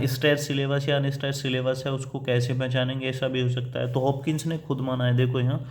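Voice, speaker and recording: A man delivers a patient, classroom-style lecture. He explains each point step by step, pausing on fillers. He switches between Hindi and English teaching terms. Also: mid-range voice, darkish tone. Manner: reads quoted English lines slowly and deliberately. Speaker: assistant professor teaching English poetry.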